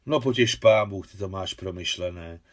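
A man voicing a brisk, commanding older woman in an audiobook, teasing and lively. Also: low voice, voice pushed down, natural voice.

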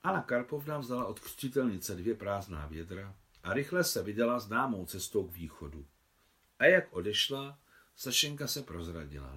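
A man, the translator, reading his own translation of a novel aloud in an expressive way. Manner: expressive reading with wide pitch swings.

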